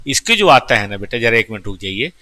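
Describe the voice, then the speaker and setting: A man's voice: fairly low pitch, big pitch swings, a little fast, sharp tone, no room sound. A man teaching a class, explaining step by step, often asking his students questions and speaking to them affectionately. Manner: affectionate, calls students "beta". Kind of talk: classroom lecture.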